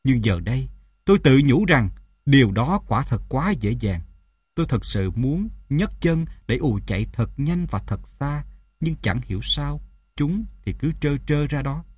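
Husky guy narrating a story, lively up and down voice, dead dry sound. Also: medium pitch, measured pace, no echo. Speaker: audiobook narrator. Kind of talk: first-person audiobook narration.

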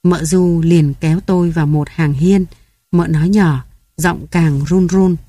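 A woman narrating a literary story in a slow, measured, solemn way. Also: lowish voice, steady tone, mellow, dry recording, clean studio sound.

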